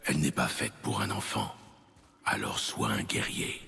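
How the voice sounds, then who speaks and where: A man playing a stern, battle-hardened warrior father in a video game, gravelly, terse and commanding. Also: very deep voice, normal speed, sharp tone, faint music behind, exaggerated voice. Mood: severe.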